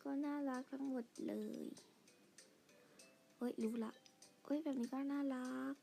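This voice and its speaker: A woman chatting quietly through her game, pleading for lucky draws and gushing over outfits. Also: high voice, steady tone, a little slow, gravelly, faint music behind. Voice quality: quiet, soft-spoken. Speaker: gamer narrating her play. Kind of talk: casual game commentary.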